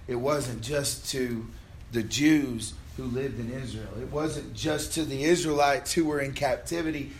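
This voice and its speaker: A man's voice: mid-range voice, a little hiss or hum, low-quality recording. A man preaching a sermon, telling a scripture story with earnest emphasis that rises and falls.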